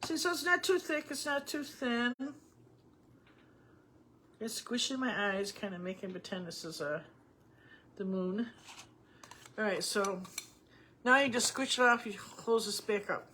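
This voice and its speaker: A woman's voice: a little high, expressive, unhurried, pauses often, sharp tone, a little hiss or hum. Chatty woman teaching painting. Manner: rambling, chatty, folksy, with asides and restarts. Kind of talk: casual painting tutorial.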